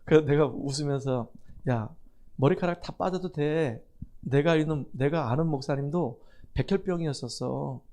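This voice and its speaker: A man's voice: on the high side, a little mellow. A middle-aged man preaching a sermon in church, telling stories, acting out dialogue and building to emphatic appeals to the congregation. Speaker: pastor. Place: church sanctuary.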